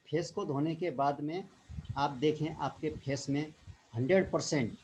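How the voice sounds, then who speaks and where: A man giving an informal motivational talk as a direct-selling distributor, repeating himself, adding tag questions and often clearing his throat. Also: on the high side, a little slow, darkish tone, a little hiss or hum, rough recording.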